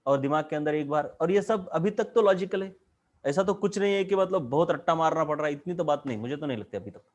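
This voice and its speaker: Hindi-speaking male teacher, fairly high voice. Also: animated, fast talker, lo-fi sound. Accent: Indian. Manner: questions the class constantly, explains at a board. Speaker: chemistry teacher. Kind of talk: classroom lecture.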